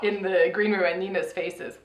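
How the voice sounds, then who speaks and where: A woman's voice: mid-range voice, fairly even intonation, normal speed. A woman co-hosting a casual review chat, talking animatedly, laughing often and acting out quoted voices. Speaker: podcast co-host. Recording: echoey room.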